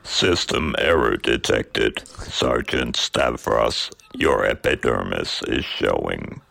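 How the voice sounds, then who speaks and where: Robot voice, male aircraft system, extremely deep, slow mechanical delivery, dry close sound. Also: expressive, gravelly, pushed and bright, no room sound, heavily acted.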